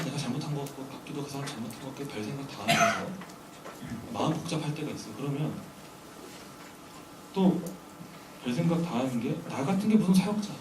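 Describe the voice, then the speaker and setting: A man preaching a sermon to a congregation, earnest and full of rhetorical questions. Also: medium pitch. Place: church sanctuary during a weekday service. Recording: echoey hall, distant mic, background noise.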